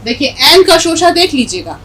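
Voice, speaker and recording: A woman's voice: high-pitched, big pitch swings, a bit bright, slight background noise, rough recording. A middle-aged woman teaching an Urdu lesson, patiently spelling out letters and repeating words as she explains a poem.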